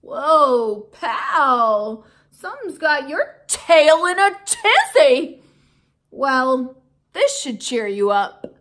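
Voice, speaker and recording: A woman's voice: sits high, big pitch swings, very slow, fairly bright tone, full character voice. A woman voicing a jolly, friendly male school janitor in a storybook, hearty and roaring.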